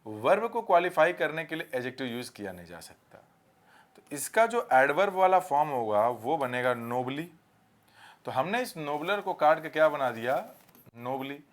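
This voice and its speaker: This male grammar teacher sounds very animated, his voice on the high side. In his exam-prep lesson he explains in Hindi blended with English, reading examples out slowly.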